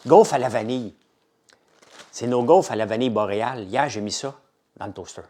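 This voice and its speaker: A middle-aged man with a Québécois French accent, casually chatting with viewers on a live stream and enthusiastically pitching his products. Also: brisk. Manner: chatty, enthusiastic salesman, lively and animated. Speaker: entrepreneur hosting a live chat.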